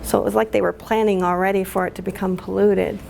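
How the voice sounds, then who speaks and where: A woman speaking at a public talk, halting and emotional, with many fillers, recorded with faint room ambience. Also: mid-range voice, level tone, vocal fry, a little mellow, a little hiss or hum. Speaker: community activist speaker.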